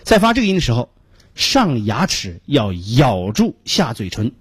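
A middle-aged man with a Beijing Mandarin accent gives a radio pronunciation lesson, explaining slowly and repeating each sound he demonstrates. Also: mid-range voice, wildly swooping pitch, husky, dry recording. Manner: frequent filler particles between phrases. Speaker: English pronunciation teacher.

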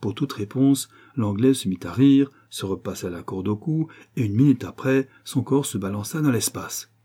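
Man narrator, audiobook, low dark husky voice, measured reading. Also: lively intonation. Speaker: audiobook reader.

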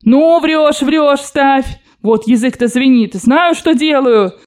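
A woman doing a shrill bossy old grandmother. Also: normal speed, darkish tone, lightly acted. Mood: urgent. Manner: shrill, urgent, commanding. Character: excitable old grandmother gambler, bossy and loud.

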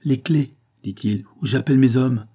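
A man reading a firm, forceful commoner. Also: medium pitch, moderate pace, vocal fry. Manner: firm and insistent. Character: bold, forceful male commoner leading a crowd. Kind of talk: audiobook character reading.

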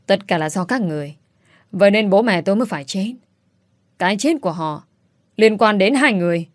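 A woman voicing a bitter young woman who accuses her relatives in quick, sharp outbursts, in an audiobook. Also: mid-range voice, animated, dry recording, studio quality, lightly acted. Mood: bitter, accusing. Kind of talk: audiobook character voice.

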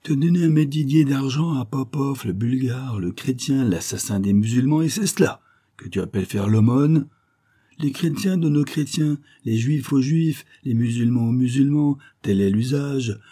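A man's voice: medium pitch, moderate pace, warm tone, husky, pitched above the performer's own voice, natural voice. A man voicing the indignant faithful of a mosque who accuse in an outraged tone. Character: indignant devout men of the mosque.

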